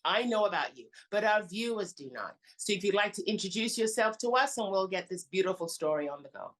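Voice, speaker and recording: A woman hosting an interview show, warmly calling her guest honey and hon as she asks questions. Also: mid-range voice, expressive, a little fast. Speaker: show host.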